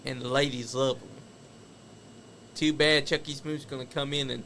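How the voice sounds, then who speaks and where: A man with a medium-pitched, fairly bright voice hosts a casual wrestling talk show, giving opinionated, chatty commentary on old match footage and laughing at stories. He speaks at a normal speed in a steady tone, with a little hiss or hum on the audio.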